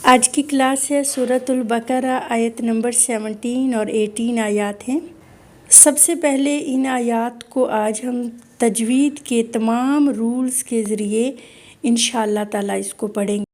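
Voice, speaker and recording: A woman teaching Quran recitation online, explaining each sound patiently and modelling words slowly again and again. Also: a little high, steady tone. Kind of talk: online tajweed lesson.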